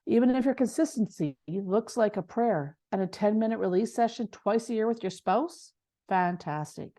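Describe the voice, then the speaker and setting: A woman's voice: mid-range voice, moderate pace, dark tone. A woman co-teaching a casual online class, talking with passion and often stumbling over her words. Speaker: essential oils class co-teacher.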